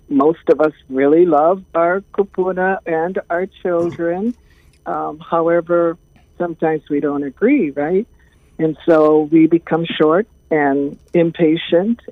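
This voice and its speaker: A woman, speaking as an interview guest in a calm, thoughtful way with many pauses. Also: low voice, no echo. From Hawaii. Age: 70s. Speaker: guest, caregiving trainer. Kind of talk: casual interview talk. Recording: tinny phone line.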